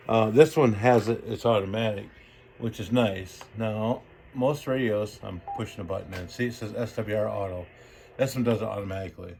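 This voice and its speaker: A radio hobbyist demonstrates equipment with a casual, hands-on explanation, speaking in a folksy, rambling, colloquial way. His voice is gravelly, fairly low, and darkish in tone, with faint noise behind him.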